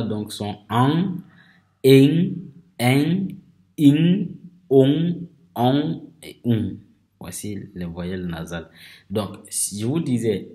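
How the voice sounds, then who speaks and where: A man teaching a video language lesson, explaining slowly and patiently and repeating example words clearly. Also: fairly low pitch, a little mellow. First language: Bambara.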